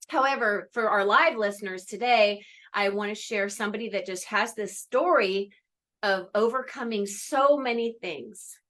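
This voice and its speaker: A woman's voice: mid-range voice, normal speed, fairly bright tone. A woman hosting a live interview podcast, bubbly and encouraging as she draws out her guest. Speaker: podcast host.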